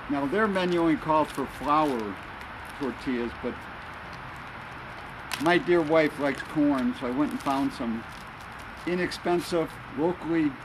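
Man, slightly high voice, relaxed step-by-step cooking talk, outdoor grill, city noise behind. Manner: relaxed, explains each step as he goes. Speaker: home cook. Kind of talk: casual cooking demonstration.

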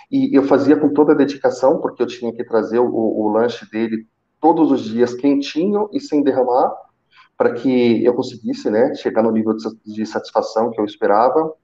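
Through a headset on a live video chat, a man in his thirties, a senior call center manager appearing as a guest, earnestly tells his career story, often repeating words as he restarts. His medium-pitched voice sounds mellow and dark, and the audio is muffled with room echo.

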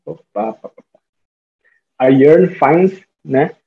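A man's voice: a little high, slow pace, gravelly, breathy edge. A young man with a Brazilian accent giving a casual online talk over slides, informal and full of fillers and restarts. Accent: Brazilian Portuguese. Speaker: guest speaker. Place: small room at home. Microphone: webcam or laptop mic on a video call. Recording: phone-like narrow sound.

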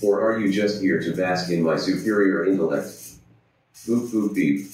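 A man's voice: sits low, moderate pace, darkish tone, close to an everyday voice. A man doing a smug robot voice. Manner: pompous, says beep-boop noises. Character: smug male robot chatbot, boastful and pompous. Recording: very echoey, distant from mic.

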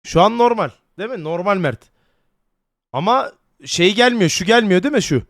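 A man casually chatting as a streamer while testing a voice changer that alters his pitch. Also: expressive, normal speed, fairly bright tone, no room sound, clean studio sound. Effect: voice-changer filter with shifting pitch. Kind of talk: casual chat.

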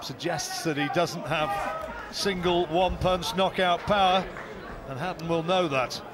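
Ringside boxing commentator, high voice. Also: male voice. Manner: measured play-by-play with fight facts. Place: ringside at an indoor boxing arena. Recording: loud arena crowd and noise behind.

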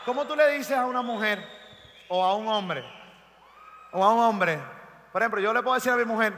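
A man with a Puerto Rican accent doing crude, shouted stand-up comedy on a large arena stage. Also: high-pitched, a little fast, a faint crowd, a little hiss or hum. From Puerto Rico. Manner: loud, crude, often shouting. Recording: reverberant arena with loud music.

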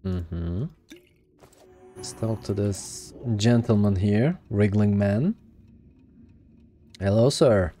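Male streamer, low mellow voice, casual reactive commentary. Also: drawn-out words, pauses often, soft background music. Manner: reactive, muttering exclamations between reading. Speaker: streamer playing a game.

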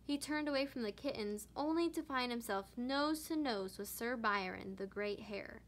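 A woman teacher reading a children's picture book aloud with expressive narration. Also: a little high, normal speed. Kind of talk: storybook read-aloud.

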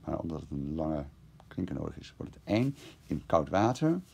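Low gravelly male teacher. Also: big pitch swings, fairly quick, warm tone. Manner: thinks aloud, translating word by word. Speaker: classics teacher. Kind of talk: screencast lesson translating Greek verse.

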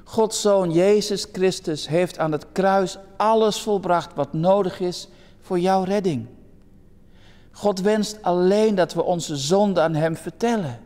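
A man reading the lines of a gentle missionary who pleads earnestly, within a sermon story. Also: sits high, pitched above the performer's own voice. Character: male missionary, gentle and persuasive. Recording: long church reverb.

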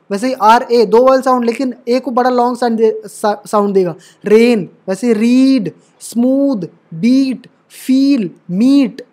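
A man's voice: extremely high pitch, a little mellow. A man teaching English pronunciation rules at a board, explaining patiently and repeating himself often to check that students follow. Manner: calls viewers brother and dear. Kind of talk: classroom lesson at a board.

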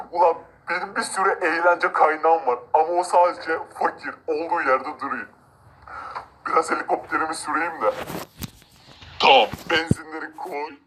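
A man's voice: fairly high pitch, steady tone, normal speed, pushed and bright, a little hiss or hum, rough recording. A man voicing an arrogant, cruel rich man who gloats, mocks and threatens villagers in a game-video drama. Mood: gloating. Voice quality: gloating, mocking laughs. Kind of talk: amateur game role-play narration.

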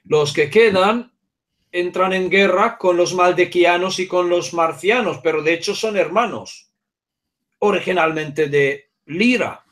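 A man's voice: high-pitched, a little slow, fairly bright tone. A man with a Hungarian accent, a native Hungarian speaker, explaining at length in an interview with many asides and checks on his listener. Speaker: guest speaker.

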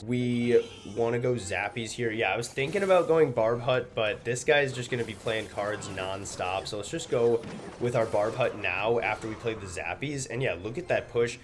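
A young man with a slightly congested, stuffy nose gives casual gameplay commentary as a gaming video host. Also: fairly low pitch. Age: young adult. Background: loud music.

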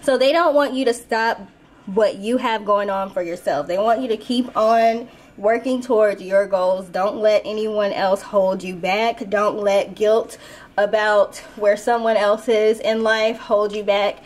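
A woman's voice: mid-range voice, steady tone, measured pace. A woman hosting a casual spoken tarot reading as the reader. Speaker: tarot reader and channel host.

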